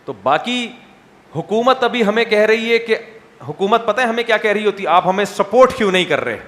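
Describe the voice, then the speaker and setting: A man's voice: high-pitched, expressive, fairly bright tone. A male Islamic scholar answering questions bluntly and wryly, often checking that his listeners understand. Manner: blunt, wry.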